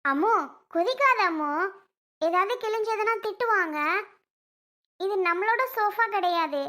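A woman's voice: very high voice, lively intonation, measured pace, bright, forceful tone, heavily acted. A woman voicing a young wife who nags a small girl in a fussy way and then pleads. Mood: nagging. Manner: nagging, then soothing and apologetic.

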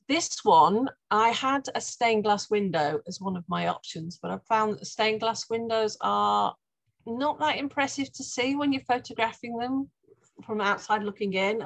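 A woman's voice: mid-range voice, dry recording, rough recording. A middle-aged woman, a guest artist talking through her slides on a video call, chatty and often restarting her sentences. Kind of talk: presenting slides in an online talk.

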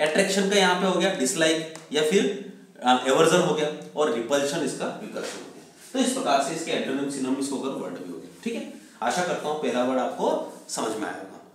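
A man teaching a vocabulary lesson. He tells stories, asks questions and answers them himself, and says definitions slowly. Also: a little high, lively intonation. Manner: mixes Hindi with slowly spoken English definitions. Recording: very echoey room, voice from far off.

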